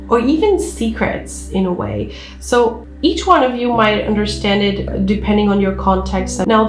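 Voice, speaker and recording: A woman gives a fortune teller's tarot reading in a casual, reassuring way, speaking straight to the listener at a medium pitch. Her voice sits in a roomy, echoing space, with music playing behind her. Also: darkish tone. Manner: reassuring, addresses the listener directly. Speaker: tarot reader, channel host.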